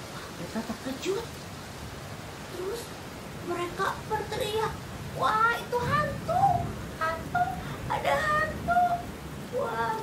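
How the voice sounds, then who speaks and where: A woman's voice: sits high, echoey room, heavy background noise. A woman, a children's church teacher, telling a story to young children in an exclamatory, coaxing way.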